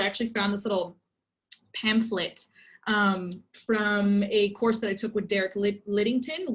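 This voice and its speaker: A workshop presenter in her twenties who grew up in Egypt runs an online session on a computer mic. Her mid-range voice is casual and chatty, peppered with ums and likes.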